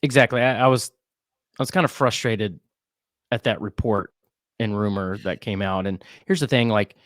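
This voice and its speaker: A man's voice: lowish voice, moderate pace, a bit bright, no echo, studio quality. A man hosting a casual podcast chat, talking earnestly and conversationally. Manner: earnest and conversational, with fillers and restarts. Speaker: podcast host.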